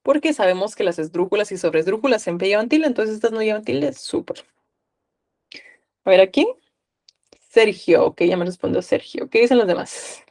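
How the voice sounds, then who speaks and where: A woman's voice: medium pitch, expressive, moderate pace, pauses often, darkish tone. A woman from Guatemala with a Guatemalan accent, tutoring a live online class and coaxing students with questions.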